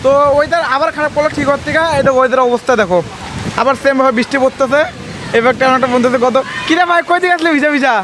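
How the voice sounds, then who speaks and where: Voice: sits high, very fast, crowd noise. A vlogger, talking casually to viewers outdoors on a roadside. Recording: clear wind noise on camera mic.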